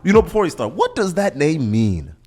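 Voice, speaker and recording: A man's voice: fairly high pitch, a little fast, soft background music. A young man hosting a podcast interview, chatting casually with lots of filler words. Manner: relaxed, talks with lots of likes and fillers. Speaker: podcast host.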